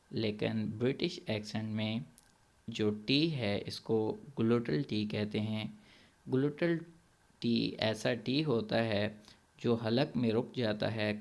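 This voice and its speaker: A man teaching English pronunciation to children in an online class, saying words slowly and repeating them for the pupils to echo. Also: lowish voice, vocal fry.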